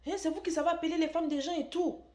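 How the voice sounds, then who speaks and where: A woman acting out a furious, jealous husband who shouts threats and accusations over and over. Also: extremely high pitch, fairly even intonation, quick pace, voice pushed up. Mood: shouting, threatening. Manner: shouting, accusing, repeating himself. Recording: echoey room.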